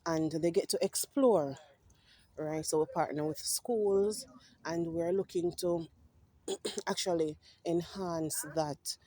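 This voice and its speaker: A woman giving a passionate walking tour of a greenhouse, often adding "right?" to her points and clearing her throat now and then. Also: on the low side, slow pace, mellow, no echo. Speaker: farm project representative. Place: inside a greenhouse.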